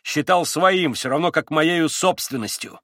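A jittery young man under interrogation, gushing and exclaiming, as a male reader puts him on. His voice climbs high and loud, heard dry and close with no room around it. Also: expressive, no echo. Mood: heated. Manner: fast, nervous, effusive, exclaiming. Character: agitated young male suspect under questioning.

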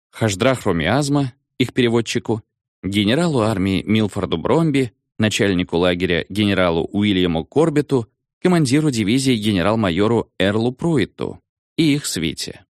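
Casting note: male audiobook narrator, animated storytelling, dry close-miked sound. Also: fairly low pitch, no echo.

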